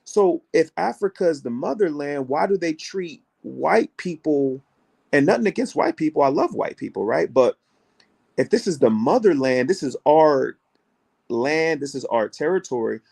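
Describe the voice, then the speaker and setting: Co-hosting a relaxed call-in travel show, this American man speaks at normal speed in a fairly high, gravelly voice that is darkish and a touch rough, with lively intonation. He makes his case by stacking rhetorical questions and imitating how others talk.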